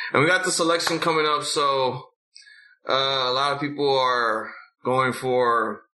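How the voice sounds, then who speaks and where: A man's voice: medium pitch, sharp tone, poor audio. A man hosting a recap show in a casual, opinionated rant, blunt and full of swearing. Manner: blunt, profane. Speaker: host of a wrestling recap show.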